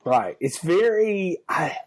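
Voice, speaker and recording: A man co-hosting a film podcast, chatting casually and expressively with quick asides. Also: high voice, very animated. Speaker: podcast co-host. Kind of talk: casual film review chat.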